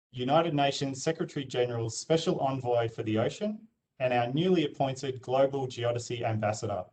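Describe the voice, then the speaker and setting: A man's voice: medium pitch, a little mellow, slight background noise, poor audio. Man giving a ceremonious introduction. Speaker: forum moderator. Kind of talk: formal introduction.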